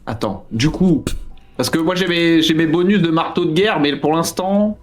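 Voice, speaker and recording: Male tabletop player, slightly high-pitched, casual conversational delivery, light music underneath. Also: moderate pace. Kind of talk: casual game chat.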